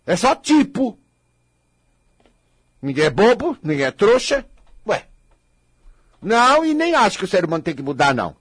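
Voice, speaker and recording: A man's voice: high voice, big pitch swings, husky, no echo. A man with a Brazilian Portuguese accent gives a motivational talk to an audience. He is blunt and scolding, and he provokes his listeners by mocking their complaints. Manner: mocks listeners' complaints in quick impressions. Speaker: self-help speaker.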